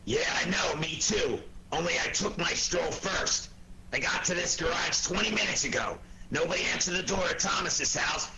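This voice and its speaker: An actor playing a gruff, impatient police inspector in a 1940s radio drama, barking his lines with sardonic bluster. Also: a little high, moderate pace, bright, forceful tone. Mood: grim, sardonic. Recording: slightly noisy old 1940s radio recording.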